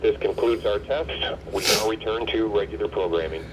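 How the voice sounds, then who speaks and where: This is a synthetic-sounding male voice reading an emergency alert test in an even, measured way. It is heard through a loudspeaker at a distance, slightly low in pitch, under a loud wash of background noise. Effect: weather radio broadcast played through a speaker. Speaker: weather radio announcer. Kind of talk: automated emergency test announcement.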